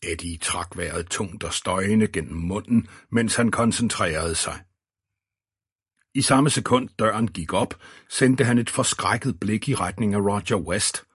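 Low husky guy reading an audiobook, dry close sound. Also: fairly bright tone, no room sound. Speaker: audiobook narrator. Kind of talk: scripted narration.

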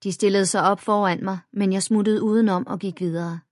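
A woman narrating a first-person children's story in a plain, even storytelling manner. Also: medium pitch, no room sound, clean studio sound. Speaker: audiobook narrator.

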